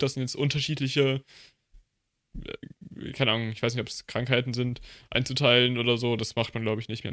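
A man's voice: mid-range voice, a bit bright, no echo, studio quality. A young man in casual chat who explains things at length, hedging as he goes.

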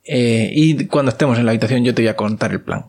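A man voicing a stiff gentleman doctor who pitches a deal in plain, slangy talk, with a Spain Spanish accent. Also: fast, natural voice. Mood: conspiratorial.

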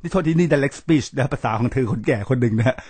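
A man's voice: medium pitch, fairly quick, darkish tone, husky, no room sound. A man hosting a podcast, telling a reflective story in an earnest, emphatic way and speaking straight to his listeners. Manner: earnest, emphatic storyteller who often addresses the listeners directly. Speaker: podcast host.

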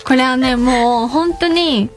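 A woman's voice: sits high, takes it slowly. A young woman with a Kansai accent co-hosting a radio show in an enthusiastic, gushing, laugh-prone way. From Kansai, Japan. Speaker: radio co-host. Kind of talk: casual radio chat.

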